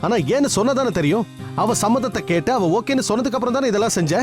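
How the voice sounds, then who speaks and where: A man's voice: very high voice, expressive, quick pace. An actor playing a hurt, insistent middle-aged father ignored by his daughter, in a TV serial with music behind. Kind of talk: TV serial acting.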